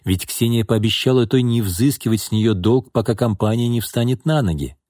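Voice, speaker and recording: A man narrating an audiobook in a measured, even reading style. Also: medium pitch, no echo, studio quality. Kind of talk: scripted narration.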